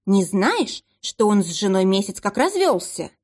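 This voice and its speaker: A woman's voice: medium pitch, big pitch swings, unhurried, darkish tone. A woman reading aloud and voicing a meek, easily frightened young female office manager who babbles. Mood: gossiping.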